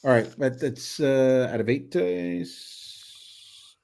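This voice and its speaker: A man's voice: mid-range voice, expressive, drawn-out words, a little mellow. A man playing in a tabletop game, thoughtfully explaining what his character does. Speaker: player.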